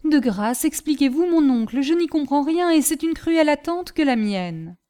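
A woman's voice: high-pitched, normal speed, dark tone, voice pushed up, lightly acted. A woman voicing an emotional young male lieutenant who pleads in an agitated, tearful way. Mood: pleading.

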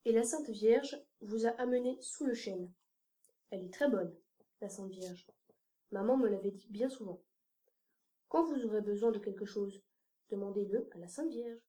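A woman's voice: medium pitch, normal speed, long pauses, mellow, natural voice. A woman voicing a polite, trusting little boy in an audiobook. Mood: earnest. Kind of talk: audiobook character reading.

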